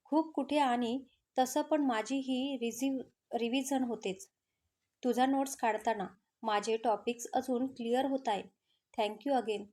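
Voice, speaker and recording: A woman's voice: a little high, fairly even intonation, a little slow, dark tone, close to an everyday voice. A woman voicing a spirited, outspoken young female student. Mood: lively.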